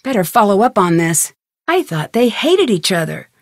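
Puzzling through clues, a determined and quick-witted young detective from an adventure game talks to herself inquisitively, focused and musing. Her medium-pitched, sing-song scripted lines are recorded dry, with no room to the sound.

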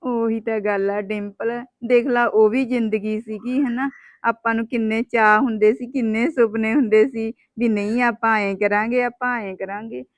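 A woman's voice: on the high side, no echo, close to an everyday voice. A woman playing an unhappy young wife with three daughters who pours out her troubles in a plaintive, complaining manner. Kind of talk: web drama acting.

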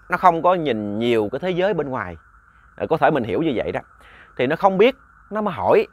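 A man's voice: medium pitch, muffled recording. A man narrating a ghost story in a chatty, casual way, often repeating words and talking to listeners like family.

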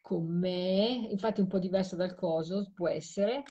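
A woman's voice: on the low side, normal speed, dull audio, background noise. A tired woman hosting a late live stream, talking to a caller while she replays audio clips. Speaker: host of a live show on spirit voice recordings.

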